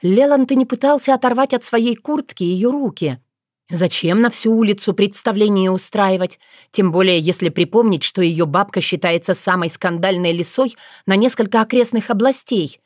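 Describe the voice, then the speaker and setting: A woman narrates an audiobook with measured, expressive storytelling in a medium pitch. The studio recording is clean, with no echo.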